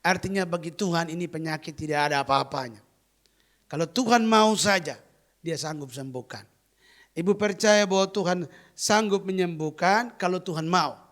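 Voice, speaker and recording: A man's voice: a little high, moderate pace. A man preaching a sermon as pastor, telling a healing testimony with emphatic, repeated key phrases. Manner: acts out quoted voices in lively retelling.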